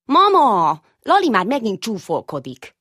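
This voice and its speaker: A woman's voice: fairly high pitch, huge pitch swings, pushed and bright, dry recording, clean studio sound, voice pushed up, full character voice. A woman voicing a small, chubby, curious boy mouse who keeps asking questions and whines. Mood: excited. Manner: whiny, endlessly questioning.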